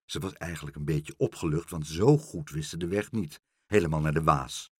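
A man reading a children's story aloud as narrator, calm and expressive. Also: extremely low pitch, moderate pace, husky, dry recording, studio quality.

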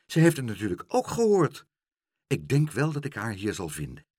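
Man voicing a polite young boy, soft-spoken, apologetic, storybook hero, dry sound. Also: mid-range voice, huge pitch swings, moderate pace, slightly rough, no room sound. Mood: gentle.

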